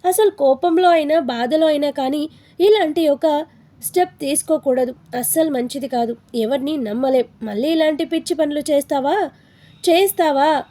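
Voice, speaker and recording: A woman's voice: high voice, moderate pace, warm tone, close to an everyday voice. A woman reading a storybook voices a bossy, hot-tempered young man who scolds sternly. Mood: scolding.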